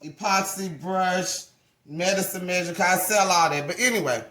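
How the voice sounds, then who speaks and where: A craft channel owner in her forties chats her way through a hands-on tutorial in a folksy, casual style, often stopping to correct herself mid-sentence. Her low-side voice is a bit bright at a normal speed, with a roomy echo in the recording.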